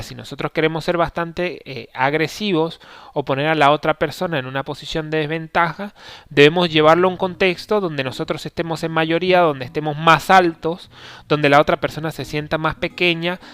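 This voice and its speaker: A man hosting an instructional podcast, explaining step by step in a calm, measured way with occasional hesitations. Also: on the high side, smooth. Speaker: podcast host teaching negotiation.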